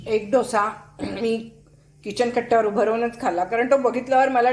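A middle-aged woman with a bright, high voice talks casually from her home kitchen. She hosts a cooking channel in a chatty, playful way and teases her viewers with light laughter. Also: steady tone, moderate pace.

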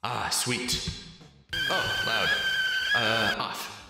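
A man's voice: very high-pitched, wildly swooping pitch, extremely slow, gravelly, roomy sound, loud music behind the voice. A young man giving jokey, swearing let's-play commentary on a party game, teasing in mock bro talk. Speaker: gaming channel host.

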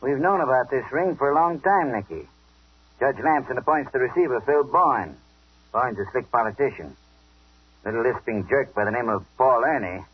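An actor playing a gruff, commanding older police inspector in a 1940s radio drama, heard as an old broadcast. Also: male voice, medium pitch, expressive. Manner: brisk, commanding. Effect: old 1940s radio broadcast sound. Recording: dull lo-fi 1940s radio recording.

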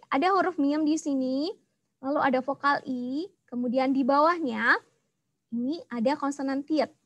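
A young woman teaches a language lesson in a high, clear voice, patiently repeating each key sound. The recording is dry and close, with no room echo. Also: a bit bright.

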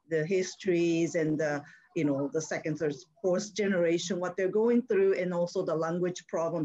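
A mother from Japan with a Japanese accent, speaking hesitantly on a video call with many pauses. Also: lowish voice, darkish tone. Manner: hesitant, many uhs, careful phrasing. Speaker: audience member, mother. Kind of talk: casual comment on a video call. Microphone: video call webcam. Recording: dull lo-fi call audio.

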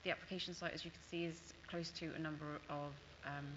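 A woman's voice: deep voice, level tone, quick pace, fairly bright tone. A woman giving a formal presentation as a planning officer. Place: large council chamber. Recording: muffled chamber audio with clear background noise.

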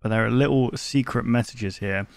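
This YouTube host, a man in his twenties, reacts casually to content from his bedroom, speaking close to a desk mic. His voice is medium in pitch and moderate in pace, with noticeable vocal fry.

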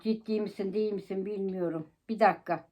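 A woman's voice: medium pitch, steady tone, brisk, dark tone. A chatty woman in her seventies, a grandmother talking casually and colloquially. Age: 70s. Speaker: grandmother making prank calls. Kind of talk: casual chat and prank calling.

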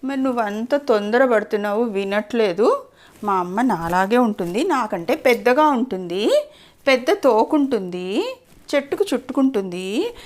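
A tearful little baby monkey from a children's story, as a woman puts it on, stretching its words out slowly in a whimpering plea. The voice sits high. Each line comes out as a small, sorrowful complaint. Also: very animated. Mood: wailing, pleading. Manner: slow, drawn-out whimpering complaints.

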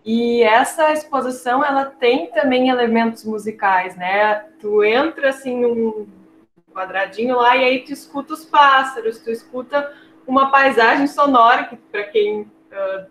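A woman's voice: a little high, a little slow, fairly bright tone, soft background music. A woman leading a casual video call discussion, explaining points with frequent tag questions. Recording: roomy video call audio with faint noise.

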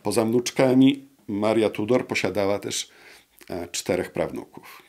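Gravelly low-voiced older man, hesitant. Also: a little mellow. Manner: hesitant, many drawn-out "e" fillers. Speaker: interview guest. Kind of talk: measured historical explanation. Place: wood-panelled studio room with brick wall. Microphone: lapel mic.

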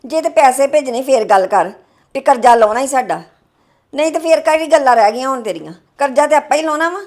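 A woman playing a stressed young wife worried about household debt, talking sharply and complaining. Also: a little fast. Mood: irritated, complaining. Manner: sharp, complaining, then weary and low. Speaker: daughter-in-law character.

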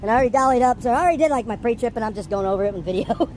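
Chatty trucker man, high voice. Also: expressive, racing, darkish tone, rough recording. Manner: chatty, talks to himself while inspecting. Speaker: truck driver vlogger. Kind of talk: casual vlog commentary. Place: outdoors at a truck yard, then inside a truck cab. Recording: outdoor vehicle noise behind.

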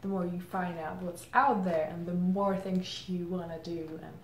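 Woman, 30s, lowish voice, thoughtful interview answers with pauses, faint room hiss. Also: steady tone. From Czech Republic. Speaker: marketing head interviewed as guest. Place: indoor room against a plain grey backdrop. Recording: roomy echo, faint ambient noise.

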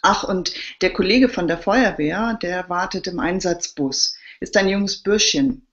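A woman's voice: fairly low pitch, unhurried, natural voice. A woman voicing a wry male police colleague with an offhand way of talking, in a dull lo-fi recording.

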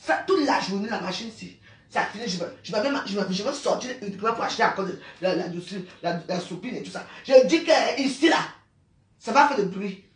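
A woman's voice: mid-range voice, lively intonation, fairly quick, echoey room. A woman, a widow, ranting emphatically about her neighbors from her home, repeating herself and throwing in tag questions. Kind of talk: emotional monologue. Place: at home in an apartment building.

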